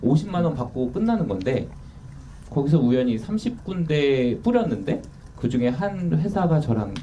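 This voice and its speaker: A man in his thirties, an author appearing as a guest, talks candidly and pokes fun at himself in a casual interview. His voice is fairly high and dark-toned, very animated, at a moderate pace. The mic is distant, with faint noise.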